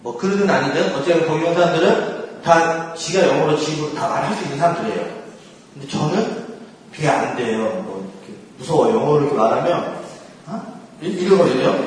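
At a church gathering, a man gives a casual faith talk to a group, laughing often and acting out prayers and thoughts he quotes. His voice is fairly high, with slight background noise, and he's recorded from a distance in an echoey hall.

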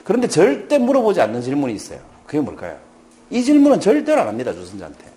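A man's voice: fairly high pitch, wildly swooping pitch, very fast, mellow. A middle-aged man giving a lecture, playful and joking as he quizzes his audience. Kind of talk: lively lecture with audience questions.

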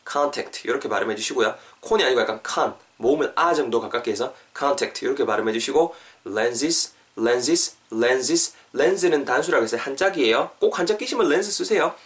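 A man's voice: mid-range voice, fairly bright tone, recorded from a distance. A man with a Korean accent, a native Korean speaker, hosting a casual podcast English lesson. He chats along, spells words out letter by letter and corrects himself as he goes. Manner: chatty, spells words out slowly, self-corrects. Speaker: English teacher, podcast host.

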